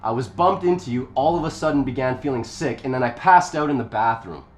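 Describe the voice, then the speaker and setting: Casting: actor as confused, insistent man, urgent and earnest, mid-pitched, film dialogue in an echoey room. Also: animated, fairly quick, lightly acted. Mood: urgent explaining. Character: confused, insistent young man demanding answers. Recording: echoey room with faint background noise.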